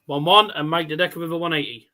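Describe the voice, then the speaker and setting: A man's voice: a little high, fast, sharp tone. A man giving casual live darts commentary as a stream host, chatty and rambling, with scores called out like a darts caller.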